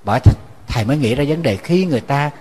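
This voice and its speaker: A man, a Buddhist monk, giving a sermon as a lively storyteller who repeats words when he restarts. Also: fast, husky. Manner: storytelling, acting out quoted voices with rising pitch.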